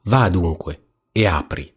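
A man's voice: low voice, expressive, slow, husky, heavily acted. A man voicing a stern, fatherly king in a storybook reading, firm and commanding.

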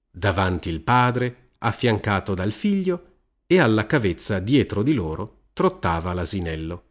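Lively low-voiced male storyteller. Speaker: narrator. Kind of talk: storybook fable reading.

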